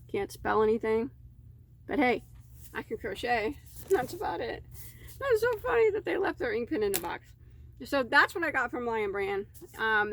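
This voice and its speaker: A woman's voice: a little high, a little hiss or hum. A woman crochet vlogger chatting casually as she unboxes yarn, easily delighted and rambling in asides.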